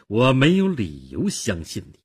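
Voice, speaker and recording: A man's voice: medium pitch, wildly swooping pitch, unhurried, breathy edge, voice pushed up, exaggerated voice. A man playing a suspicious young male fugitive who talks in a guarded, grudging way in a storytelling performance.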